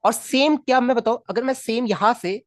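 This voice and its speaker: A man's voice: extremely high pitch, moderate pace, no room sound, clean studio sound. A man teaching physics in a live online class, talking in a coaxing, repetitive way and checking in with students often.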